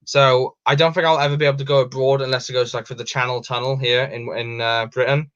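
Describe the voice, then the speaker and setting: A man's voice: medium pitch, level tone, a bit bright, smooth. Young man, Welsh accent, rambling livestream chat, lots of ums, dull lo-fi audio. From Wales. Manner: rambling, halting, many ums and restarts. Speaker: livestream host. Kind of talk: casual livestream chat reading viewer questions.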